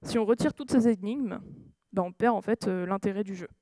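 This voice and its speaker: A woman's voice: medium pitch, fairly quick, dark tone, no room sound. A woman giving a talk at a conference, hesitant, with many fillers and self-corrections, checking in with her audience. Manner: engages the audience with questions. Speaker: conference speaker. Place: conference room.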